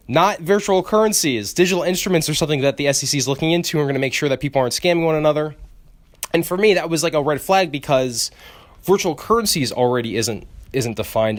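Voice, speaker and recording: A young man hosting a podcast, talking casually on his own in a rambling, profane way with frequent restarts and stammers. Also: fairly high pitch. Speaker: podcast host. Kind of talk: casual solo podcast monologue.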